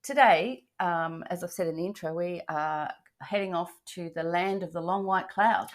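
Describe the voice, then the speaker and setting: A woman's voice: on the low side, normal speed. An older Australian woman, a grandmother, hosting a travel podcast in easy, chatty talk with frequent ums and laughs. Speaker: podcast host. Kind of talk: casual travel podcast chat.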